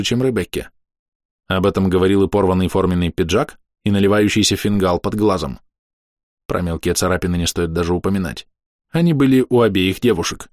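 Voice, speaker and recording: A man reads a first-person novel aloud in an expressive, lively way. His voice is fairly low, and the recording is close and dry, with no room sound. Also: no echo. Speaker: audiobook narrator. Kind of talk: first-person audiobook narration.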